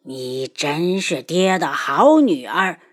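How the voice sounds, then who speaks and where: A woman's voice: low voice, big pitch swings, unhurried, husky, heavily acted. A woman voicing a ruthless, scheming old nobleman who mocks and menaces in an audiobook. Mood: yielding. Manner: sneering, menacing. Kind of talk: audiobook character voice.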